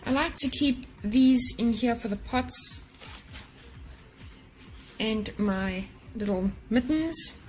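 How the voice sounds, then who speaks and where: A cleaning vlogger in her thirties speaks casually to camera from her home kitchen, sharing practical cleaning and organizing tips directly with viewers. Her slightly high voice is expressive and slow, with frequent pauses. Soft music plays behind her, and the audio is poor.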